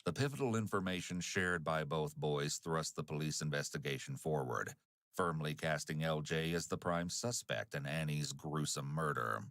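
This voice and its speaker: Deep-voiced man narrating true crime. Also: a bit bright, no echo, studio quality. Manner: measured, dramatic delivery. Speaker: documentary narrator.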